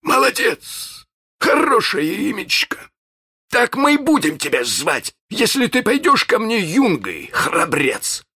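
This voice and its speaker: A man voicing a menacing, snarling pirate captain in an audiobook, barking drawn-out threats. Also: high voice, wildly swooping pitch, sharp tone, breathy edge, voice pushed up, full character voice. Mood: mock-hearty. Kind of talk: audiobook character voice.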